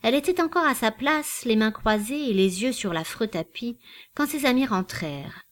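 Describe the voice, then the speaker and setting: A woman narrating a literary novel in a calm, even reading voice. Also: on the high side, normal speed. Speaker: audiobook narrator.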